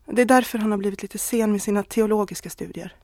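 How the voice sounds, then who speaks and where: A woman's voice: medium pitch, darkish tone, no room sound, lightly acted. Woman reading a torn wife confessing. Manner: earnest, pleading, close to tears.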